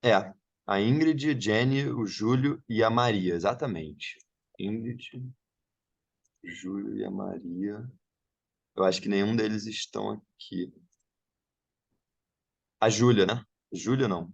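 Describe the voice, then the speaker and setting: Man, lowish voice, methodical session organizer, video call. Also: slow pace, gravelly, long pauses, breathy edge, dull audio. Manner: methodical, checks details aloud. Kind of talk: running an online session.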